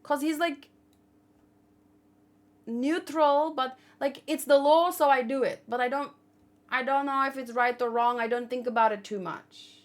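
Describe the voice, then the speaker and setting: This host of a manga read-along channel has a high voice that runs a little slow. Her informal remarks ramble as she muses out loud, often questioning herself along the way.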